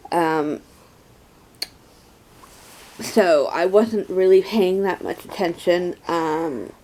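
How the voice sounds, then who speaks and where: A young woman talks through a casual vlog update at a very unhurried pace. Her voice sits a little low for a woman, and her words come out slurred and lisping, as from a mouth without teeth. She pauses often as she goes. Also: darkish tone, poor audio. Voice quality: slurred, lisping toothless speech. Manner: slow, halting, with many pauses. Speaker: vlogger.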